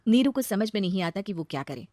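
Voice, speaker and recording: A woman narrating a cartoon moral story in an even storytelling manner. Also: mid-range voice, fast, no echo, studio quality.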